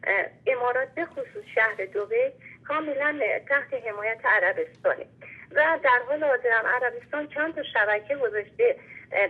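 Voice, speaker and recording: This is a caller to a radio show, a woman from Iran talking over a phone line. Her voice sits a little high and has a breathy, husky edge. The narrow, tinny line thins her out as she argues her point earnestly and at length. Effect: heard over a phone line. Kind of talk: call-in question to the host.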